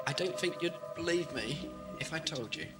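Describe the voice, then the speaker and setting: A man's voice: fairly high pitch, moderate pace, over loud music, natural voice. A man playing an eccentric, knowing time-traveller in a fan audio drama, wry and articulate, with a slightly hesitant, glib manner. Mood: glib bluffing. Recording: old cassette, sound bed behind.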